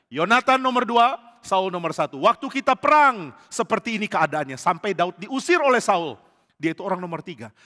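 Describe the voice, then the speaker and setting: A high-voiced man preaches to a congregation, his tone bright and forceful as he acts out the story in playful voices. His voice rings through a church hall with a long, trailing reverb. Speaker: pastor. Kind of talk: sermon with acted-out dialogue. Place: church sanctuary.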